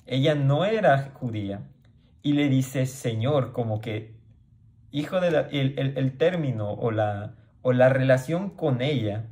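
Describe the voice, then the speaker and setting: A man's voice: medium pitch, a little mellow. Man giving a conversational Bible study. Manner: conversational, frequent "¿sí?" checks, restarts; acts out crowd voices in quoted lines. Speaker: Bible teacher. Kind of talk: informal Bible teaching.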